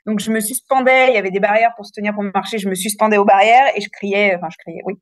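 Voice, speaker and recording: A woman in her thirties frankly telling a long personal story in a casual, animated way, with many fillers. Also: medium pitch, fast, dry recording, clean studio sound. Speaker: interview guest.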